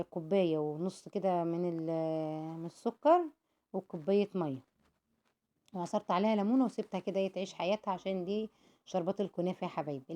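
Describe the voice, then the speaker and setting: Fast-talking Egyptian woman cooking vlogger. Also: fairly low pitch. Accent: Egyptian Arabic. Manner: warm and devout, calls viewers "my dears", prays for them often; explains each cooking step with asides and restarts. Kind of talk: chatty cooking voice-over.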